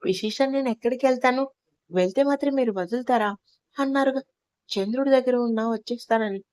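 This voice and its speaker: Woman doing a soft, teasing young wife. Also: on the high side, brisk, no echo, natural voice. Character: playful gentle young wife.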